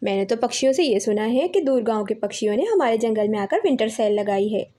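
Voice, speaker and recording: A woman's voice: fairly high pitch, animated, brisk, dark tone. A woman voicing a caring, firm mother sparrow. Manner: reassuring, firm.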